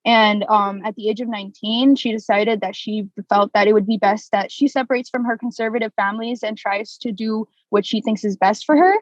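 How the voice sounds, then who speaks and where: A woman's voice: mid-range voice, fairly even intonation, a little fast, few pauses, no echo, highs cut off. A young woman, a political science student, presenting a class project in a casual way, with many fillers and restarts. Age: young adult.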